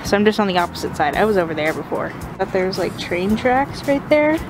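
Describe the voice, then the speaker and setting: A young adult woman vlogs a chatty, informal walking tour of a campus outdoors. Her mid-range voice is expressive and a little fast, with music playing in the background.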